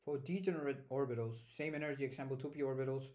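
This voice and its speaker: A man's voice: medium pitch, fairly even intonation, fast talker, mellow. A young man streaming himself studying, thinking aloud and mumbling to himself as he works. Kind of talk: muttering while studying on stream.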